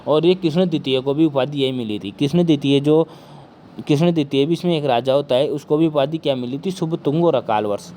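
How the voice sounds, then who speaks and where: A male teacher giving an exam-prep history lecture, with a sore throat and speaking softly, who keeps asking questions and answering them himself. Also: on the high side, a little fast, a little hiss or hum.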